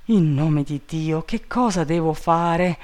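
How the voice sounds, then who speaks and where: A man voicing an excitable, anxious male gentleman who shouts urgent orders up a tree. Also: fairly high pitch, slow pace. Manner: urgent, agitated calling out.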